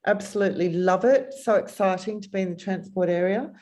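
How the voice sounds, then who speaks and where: A woman's voice: mid-range voice, brisk, a little mellow. A woman working as a freelance reporter, introducing herself on a video call, enthusiastic but hesitant with many ums.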